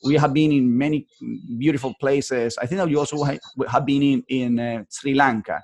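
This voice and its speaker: A man hosting an online interview, friendly and halting, often repeating words. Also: medium pitch, steady tone, darkish tone. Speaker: host.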